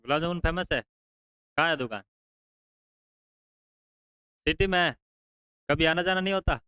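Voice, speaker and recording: A male teacher, bantering with his class and teasing students into speaking up loudly. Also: fairly high pitch, moderate pace, clean tone, no room sound, low-quality recording.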